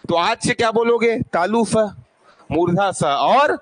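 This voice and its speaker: Male teacher, high voice, unhurried drilling, asks and answers himself. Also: expressive. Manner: repeats sounds slowly to demonstrate. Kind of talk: classroom grammar lesson.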